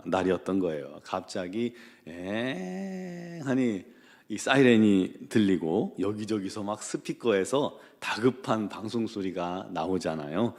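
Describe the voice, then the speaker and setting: A man with a fairly low voice preaching at an early-morning prayer service. He moves from a formal, measured scripture reading into relaxed storytelling, often pausing with a soft "uh" before he goes on. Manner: calm, conversational storytelling with frequent "uh" pauses. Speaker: pastor.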